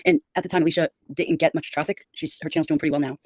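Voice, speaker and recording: A woman's voice: deep voice, fairly even intonation, racing, darkish tone, no echo. A middle-aged woman chatting casually and giving opinionated gossip on a livestream.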